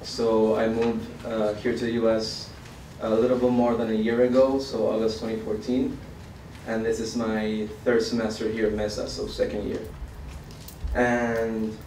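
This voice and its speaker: Flat-voiced young man, roomy hall. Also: medium pitch, a little hiss or hum. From Argentina. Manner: halting, many fillers. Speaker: student researcher. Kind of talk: conference presentation. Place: college event hall. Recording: roomy hall, mic far off.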